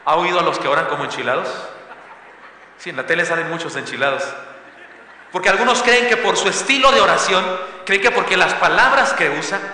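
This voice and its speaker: A man's voice: sits high, fairly quick, pushed and bright, slight background noise. A man preaching a sermon as pastor, ironic and calling the congregation to read along. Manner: ironic, imitates showy pleas and asks the congregation to read along. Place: church sanctuary. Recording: echoey reverberant church hall.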